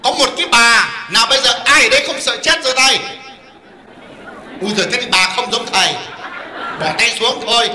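A Buddhist monk giving a humorous dharma talk, telling stories in an animated way and mimicking laypeople. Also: male voice, very high voice, moderate pace, pauses often, some chatter behind, a little hiss or hum. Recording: echoey hall with faint audience.

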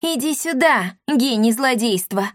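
A woman voicing a hot-tempered scrappy orphan girl who shouts threats. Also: very high voice, lively intonation, unhurried, no room sound, studio quality, pitched above the performer's own voice. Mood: fierce, taunting.

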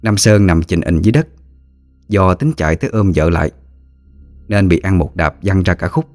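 A man with a Southern Vietnamese accent telling a story in a steady, plain way. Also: sits low, normal speed, no echo, soft background music. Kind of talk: storytelling narration.

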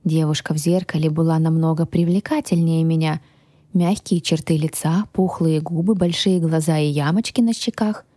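Husky-voiced woman reading an audiobook. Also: deep voice, fairly even intonation, moderate pace, dark tone, dry recording, studio quality. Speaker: audiobook narrator. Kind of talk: audiobook reading in first person.

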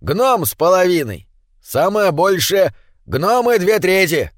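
A man voicing a grumpy, touchy male gnome miner who takes offence quickly. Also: high-pitched, sing-song, no room sound, studio quality, voice pushed up. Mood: indignant. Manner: indignant, quick to take offence.

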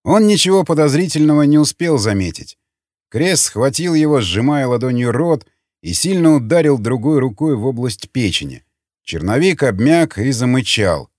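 A man reading an audiobook in steady, even scripted narration. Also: mid-range voice, normal speed, no room sound, studio quality.

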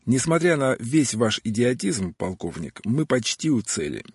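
A man's voice: mid-range voice, very animated, moderate pace, a little mellow, breathy edge, no echo. A man voicing a smug, commanding male general in an audiobook. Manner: self-satisfied, commanding.

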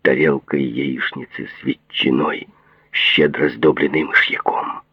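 A man's voice: steady tone, measured pace, husky, no echo, heavily acted. A man playing a jumpy paranoid businessman. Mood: boastful. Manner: jumpy, swinging from whispers to shrill outbursts. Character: paranoid, excitable middle-aged businessman patient. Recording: thin phone-like audio.

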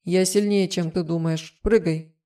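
A woman voicing a gentle, playful young male humanoid in an audiobook, speaking with calm, cheerful reassurance. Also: lowish voice, unhurried, natural voice. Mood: confident.

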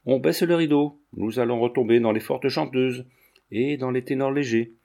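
A man's voice: medium pitch, normal speed, gravelly, mellow, close to an everyday voice. A man doing a glib, talkative young Parisian man. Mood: teasing.

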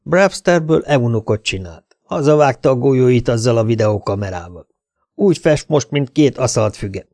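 A man's voice: mid-range voice, animated, a little mellow, no room sound, studio quality, natural voice. A man doing a smug, insolent blackmailer. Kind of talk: audiobook character voice.

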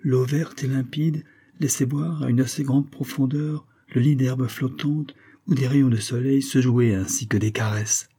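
A man reading a French novel aloud as the narrator, in a measured storytelling manner. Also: medium pitch, steady tone, mellow, slightly rough. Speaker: audiobook reader. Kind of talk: literary narration.

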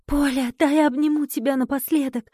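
Distraught young storybook woman, read by a woman: tearful, urgent, pitched up. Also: steady tone, unhurried, darkish tone, no room sound, clean studio sound, lightly acted.

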